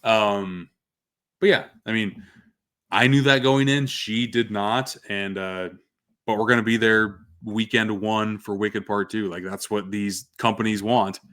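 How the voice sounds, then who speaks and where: A middle-aged man talks through his ranking of movies in a relaxed, chatty way. His voice sits on the low side. When he announces each number he springs up in pitch with sudden energy. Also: unhurried. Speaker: movie reviewer. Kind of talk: casual movie ranking commentary.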